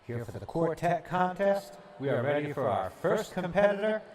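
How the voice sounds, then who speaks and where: A man acting as master of ceremonies, announcing in a lively showman style. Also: a little high, moderate pace, echoey room, far from the mic, a little hiss or hum. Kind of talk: formal announcing.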